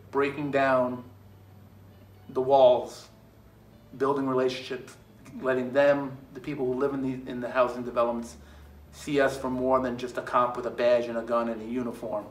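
A middle-aged policeman tells his story in an earnest, even-toned way, with little rise and fall in his voice. He sounds a little away from the mic in a roomy studio, with soft music under him. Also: medium pitch, far from the mic. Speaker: police officer. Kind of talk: interview testimonial. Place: studio with curtain backdrop.

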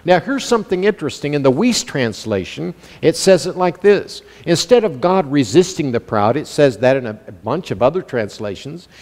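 A man preaching a sermon with a somewhat high voice, lively and animated, acting out the worried voices of his listeners. His voice rings with the long reverb of a large church hall. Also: normal speed, few pauses. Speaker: pastor.

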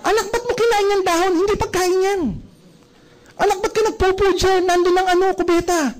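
A man putting on a shrill nagging parent. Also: steady tone, brisk, background noise. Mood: scolding. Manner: scolding, exasperated. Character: nagging exasperated parent scolding a child.

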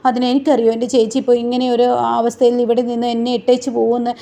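A woman's voice: a little high, monotone, rapid-fire, dark tone, lightly acted. A woman voicing an indignant, pleading young woman, a protective younger sister.

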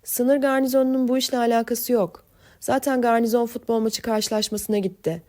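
A border policeman in an audiobook speaks plainly and brushes the matter off, then reassures. His voice stays mellow and warm, as a woman narrator acts him out. Delivery is matter-of-fact. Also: a little high, fairly even intonation, fairly quick, close to an everyday voice. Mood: brusque. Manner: dismissive, reassuring.

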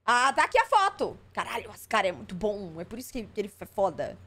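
A woman's voice: medium pitch, wildly swooping pitch, fast, fairly bright tone. A woman streamer reacting live, skeptical and exasperated, swearing freely. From Brazil.

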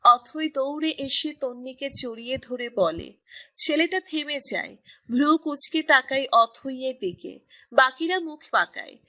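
Narrating a romance, this woman keeps an even storytelling manner and a slightly slow pace. Her voice is high and bright, her reading crisp and clearly scripted.

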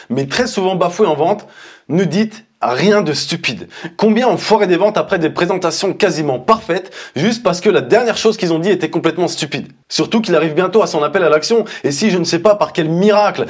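A man's voice: high voice, slightly rough. A man in his thirties critiquing an advertisement in a blunt, mocking, informal way, recorded in a studio on a lapel mic. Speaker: marketing commentator. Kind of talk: sarcastic ad critique. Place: indoor studio, dark backdrop.

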